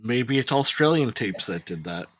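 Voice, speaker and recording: American male co-host, wry interjector, lively intonation, dry close sound. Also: mid-range voice, moderate pace, no echo. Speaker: podcast co-host. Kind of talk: casual podcast banter.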